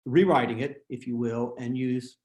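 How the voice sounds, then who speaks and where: A man's voice: medium pitch, steady tone, moderate pace, darkish tone, reverberant. A man giving a writing workshop on a video call, plain-spoken and self-deprecating, with frequent fillers and restarts. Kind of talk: webinar presentation.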